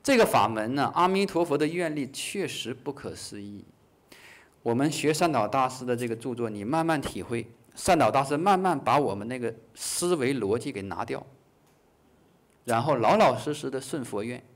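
A man teaching a Buddhist class in a lively way, acting out short dialogues, chuckling, and slowing down on key phrases. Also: medium pitch. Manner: slows down to stress key phrases. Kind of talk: dharma lecture.

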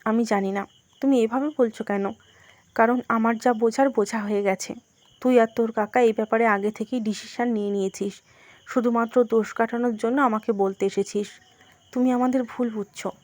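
A woman narrating a family drama and reading all of its characters in one steady storytelling voice. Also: on the high side, moderate pace, dry recording. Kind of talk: scripted narration.

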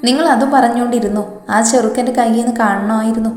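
A woman's voice: fairly high pitch, fairly even intonation, quick pace, darkish tone, lightly acted. A woman voicing an exasperated young mother who scolds and complains sharply, in a storybook reading. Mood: scolding. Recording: reverberant room, faint music behind.

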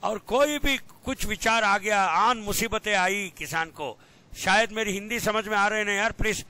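Speaking at a racing pace in a clear, resonant yet sharp voice, an Indian-accented man lectures informally over a video call from indoors, mixing English and Hindi. He keeps quizzing his listeners and repeats key phrases, and the online call carries rumbly background noise.

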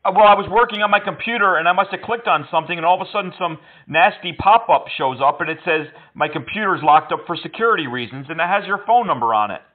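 A man's voice: high voice, expressive, fast talker, few pauses. A man prank-calling scammers, mocking and teasing them with frequent laughter. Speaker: scam baiter. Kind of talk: prank phone call. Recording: tinny phone line.

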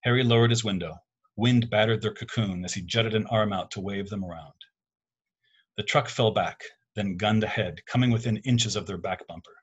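A man reads his own literary fiction aloud at an even, measured pace. His voice is low with a husky grain. He narrates steadily. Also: highs cut off. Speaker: contest winner reading his story.

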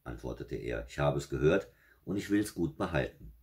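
A man's voice: very deep voice, expressive, normal speed, a little mellow. A man reading aloud and voicing the young hero of a fairy tale, earnest and polite in his plain reading voice.

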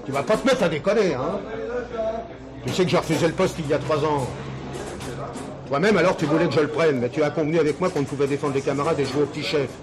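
A man's voice: on the high side, fast, over music, lightly acted. An actor playing a friendly, earnest factory union man chatting with a workmate, in 1970s TV drama style. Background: bar crowd chatter.

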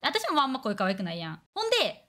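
A young woman with a Kansai Japanese accent chats on a casual stream in a high, bright, forceful voice whose pitch swoops wildly. Her banter is fast, blunt, and crude, full of acted-out quotes.

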